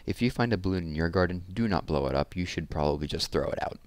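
A man in his thirties with a low voice reads children's picture books aloud with expression, tossing in casual asides. He talks fast with lively intonation, using a headset mic in a small room at home, and there's no echo.

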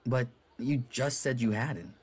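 A man voicing a steady, protective grown male critter who talks in an easygoing drawl. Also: mid-range voice, a little slow, slightly rough, voice pushed up. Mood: gentle.

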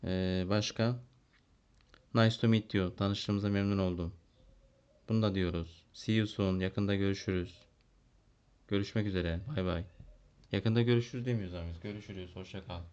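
A man's voice: sits low, fairly even intonation, normal speed, pauses often, a little mellow, clean tone. A man from Turkey working as a primary school English teacher, walking through a lesson, translating and thinking aloud with fillers. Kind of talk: classroom lesson walkthrough. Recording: dull lo-fi recording.

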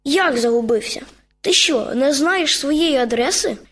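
A woman's voice: sits high, a little slow. A woman voicing a grumbly little bear cub. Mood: grumbling. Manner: gruff then excited. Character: grumbling but eager boy bear cub. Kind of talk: children's radio story.

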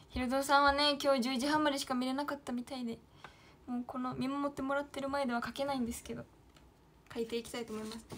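A woman's voice: high voice, fairly bright tone, a little hiss or hum. A woman in her late teens from Kyoto, with a Kyoto Kansai accent, chatting casually to herself and her viewers on a livestream while she draws. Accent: Kyoto Kansai dialect. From Kyoto, Japan. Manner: chatty, talks to herself, calls herself by name. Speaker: idol livestreamer.

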